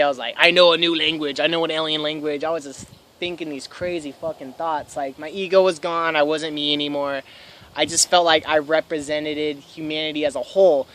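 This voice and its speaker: A young man in his twenties telling a story casually to camera, excitable, swearing freely and laughing often. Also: fairly high pitch. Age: 20s. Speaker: vlogger. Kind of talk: casual first-person storytelling.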